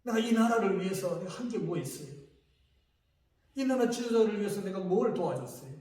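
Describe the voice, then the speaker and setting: A middle-aged man preaches as a pastor, recounting a personal testimony with emotional, shifting intensity. His voice sits high and swings widely in pitch. The sound is heard from a distance, washed in heavy church-hall reverb. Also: lively intonation, brisk, darkish tone. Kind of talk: sermon testimony.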